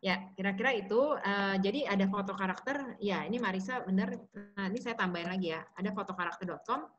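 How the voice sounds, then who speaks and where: A fast-talking woman with a mid-range voice, recorded with lo-fi sound, leads an online support session. Between stories she chats casually and guides simple relaxation exercises, full of warm asides and fillers.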